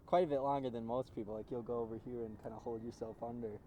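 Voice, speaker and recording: A man's voice: medium pitch, fairly even intonation, fast talker, dark tone, low-quality recording. A man in ice-cold water, casually interviewing someone outdoors. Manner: talking while immersed in ice-cold water. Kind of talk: casual chat. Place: outdoors in a frozen lake.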